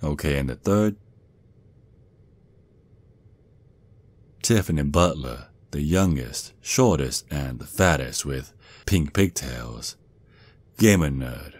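A man performs an ASMR roleplay as a protective Southern werewolf father, his voice extremely deep, close, and dry with no room sound. With a folksy slow drawl, pet names, and the gruff air of an army sergeant who dotes on his child, he sounds grimly determined in an animated, exaggerated delivery.

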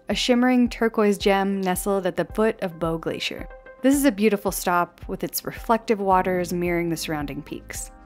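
A woman's voice: medium pitch, darkish tone. Young woman narrating a travel guide. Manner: upbeat, descriptive voice-over. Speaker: travel vlogger. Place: outdoors at a mountain lookout for on-camera parts.

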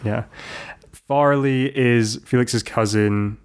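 A man's voice: mid-range voice, fairly even intonation, slow, darkish tone, clean tone. A man hosting a podcast, recapping a film in a rambling, casual way with lots of restarts and asides. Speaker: podcast host.

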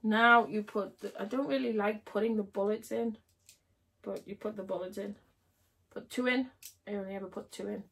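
A woman's voice: mid-range voice, fairly even intonation, moderate pace, vocal fry, a bit bright. A woman livestreaming casually, chatting and giggling with viewers while she builds. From United Kingdom.

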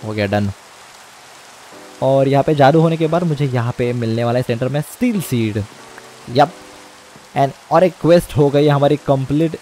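A man's voice: medium pitch, darkish tone, slight background noise. A young man casually commenting on his gameplay, explaining each step and mixing English words into his talk. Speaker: gaming channel host.

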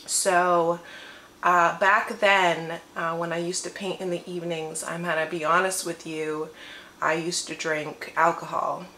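A woman's voice: lowish voice, level tone, a little slow, pushed and bright, slight background noise. A woman vlogging a rambling personal testimony at home in her morning voice. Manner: long-winded, rambling. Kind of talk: casual personal testimony to camera. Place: her living room at home. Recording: roomy echo with faint ambience.

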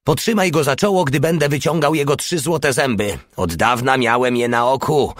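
A man voicing a sly, greedy male soldier, pitching his voice up into a cheeky, callous tone. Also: normal speed, a bit bright, no echo, studio quality, natural voice.

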